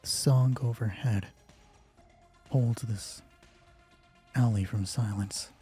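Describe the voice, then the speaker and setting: His voice is lowish, steady and dark, and he speaks slowly. As the game master of a solo roleplay, he moves from short, hushed scripted narration to loose commentary on the game, swearing and musing aloud over background music.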